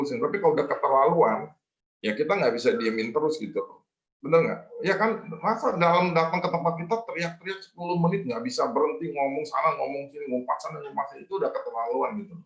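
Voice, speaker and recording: A man's voice: mid-range voice, creaky, a bit bright, roomy sound. A man, a debt collection manager, tells a work story in a webinar with many fillers and repetitions. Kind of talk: guest speaker telling a work story in a webinar. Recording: muffled video call audio.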